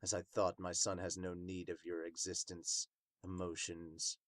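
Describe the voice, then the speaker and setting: A man voicing a cold, contemptuous demon king in a manga dub, slow, sneering and menacing. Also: low voice, monotone, a bit bright, no room sound, studio quality, pitched below the performer's own voice. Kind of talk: manga dub villain acting.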